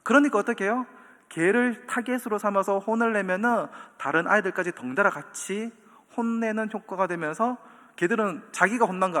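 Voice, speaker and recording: Lively pastor preaching in a hall. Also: male voice, sits high. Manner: animated storytelling with acted quotes and chuckles. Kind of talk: sermon. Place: church sanctuary. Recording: long church hall reverb.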